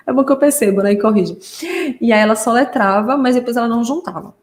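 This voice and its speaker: A woman's voice: fairly high pitch, fast, a little hiss or hum. A woman speech therapist teaching parents in a live online class, explaining patiently and often checking in with "né?". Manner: warm explanatory, frequent "né?" tags. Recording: roomy echo.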